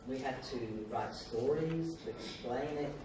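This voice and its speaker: An older man with an Australian accent and a medium-pitched voice gives an informal public talk, lecturing conversationally in short, halting phrases. A distant mic captures him in a noisy, reverberant hall.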